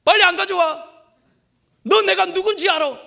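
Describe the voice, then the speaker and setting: A preacher acting out a rude, arrogant middle-aged boss who yells at the waiter, his voice leaping sharply high. The shouting comes in loud, gravelly bursts. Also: sing-song, quick pace, heavily acted. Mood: angry shouting. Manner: shouting, barking orders.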